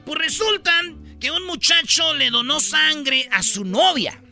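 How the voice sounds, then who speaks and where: A man's voice: very high voice, animated, unhurried, creaky, sharp tone, soft background music. A man hosting a radio comedy show, telling jokes and acting out the characters with big voice swings.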